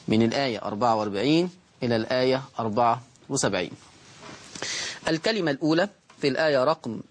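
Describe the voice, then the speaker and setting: A man with an Egyptian accent teaching Quran recitation in a lesson episode, repeating words slowly and stretching them out to show how each is pronounced. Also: fairly high pitch, a bit bright, husky. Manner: switches between formal Arabic and colloquial explanation.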